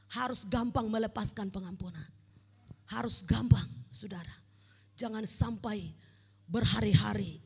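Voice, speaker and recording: A woman preaching a fervent sermon with a North Sumatran Indonesian accent, swinging between shouting and quiet urging. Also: on the high side, slightly rough. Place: church hall. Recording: long church hall reverb.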